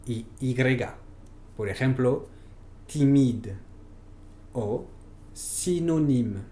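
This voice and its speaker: A man's voice: mid-range voice, a little mellow, slight background noise. A man with a French accent teaching a pronunciation lesson, spelling out letters one at a time and modeling each sound. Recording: roomy echo.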